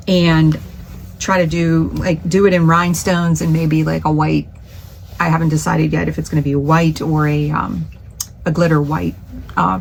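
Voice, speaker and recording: Low-voiced chatty woman vlogger. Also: creaky, slight background noise. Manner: rambling, many fillers and restarts, chatty. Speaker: small craft business owner. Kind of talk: casual vlog chat. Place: home craft studio.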